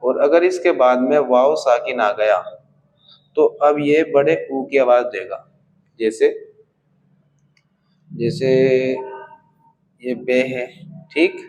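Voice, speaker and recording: A man's voice: medium pitch, slow pace, pauses often, darkish tone, poor audio. A man teaching how to read a script in a patient, step-by-step lesson, stretching out vowel sounds to show them and often checking in with his learners. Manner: patient, checks in with "theek hai" after each point. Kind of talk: slow step-by-step language lesson.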